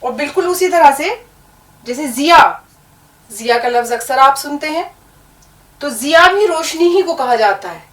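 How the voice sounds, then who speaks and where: A woman's voice: high-pitched, lively intonation, normal speed, long pauses. A woman teaching an Urdu lesson, patiently spelling words out letter by letter. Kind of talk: language lesson. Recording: echoey room, distant mic.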